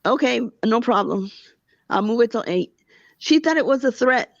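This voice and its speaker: A woman's voice: on the high side, animated, gravelly, no room sound. A woman hosting a livestream, ranting indignantly and answering her chat. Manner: indignant, rapid, talks back to chat. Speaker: livestream host. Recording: dull lo-fi dry sound.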